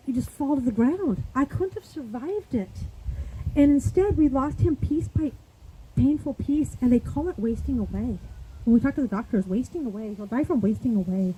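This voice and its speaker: Woman, widow's eulogy, earnest and raw, fairly high pitch, deeply mellow tone. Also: husky, rough recording. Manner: earnest and raw, pleading at times. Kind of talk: heartfelt memorial speech.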